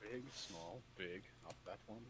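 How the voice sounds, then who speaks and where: A man's voice: sits low, unhurried, a bit bright. A man chatting casually while gaming, rambling and swearing freely. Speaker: gamer.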